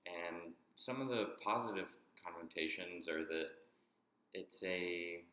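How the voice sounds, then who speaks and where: A man with a deep voice explains an idea in a halting monologue, restarting and repeating words. Despite the low pitch, he sounds bright and forceful, and the room echoes noticeably. He is a native English speaker.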